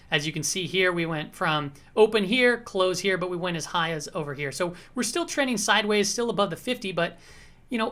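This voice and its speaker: A slightly hoarse woman hosts a casual market commentary, walking through charts conversationally and checking in with the viewer often. Her voice is fairly low and a bit bright.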